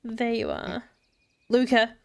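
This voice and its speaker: A woman's voice: a little high, completely flat delivery, slow pace, darkish tone, clear, resonant tone, no room sound, clean studio sound, faint music behind. A woman voicing a blunt, exasperated teenage big sister. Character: bossy teenage big sister, eye-rolling.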